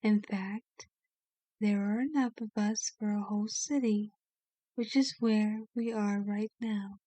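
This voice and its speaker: This ASMR roleplay features a woman as a kind, courtly vampire who soothes the listener with formal language and a soft, at times breathy voice. Her medium-pitched, steady delivery is slow and close to her everyday voice, and the mood is calm and candid, with no room sound.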